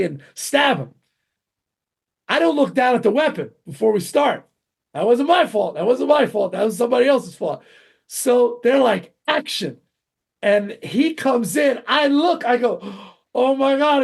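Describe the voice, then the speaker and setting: A middle-aged man, a martial arts grandmaster, telling animated stories in an interview, acting out quotes with sudden jumps in pitch. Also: vocal fry, slightly rough. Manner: excitable, acts out quotes with big pitch jumps.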